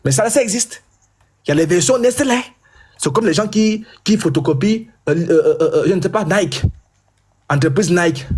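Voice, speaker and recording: Husky guy ranting loud on a live debate stream, keeps repeating himself. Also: high voice, expressive, moderate pace. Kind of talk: heated live religious debate.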